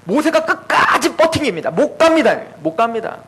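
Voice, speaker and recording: A man preaching a sermon in church, animated, acting out quoted dialogue between God and Moses. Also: extremely high pitch, brisk, slightly rough, poor audio.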